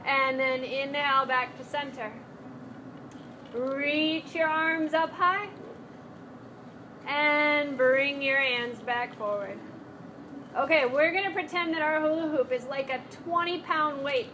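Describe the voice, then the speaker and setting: A woman's voice: sits high, sharp tone, a little hiss or hum. A woman leading a live chair yoga class, cueing breaths and moves in a playful, encouraging way. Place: class room with group.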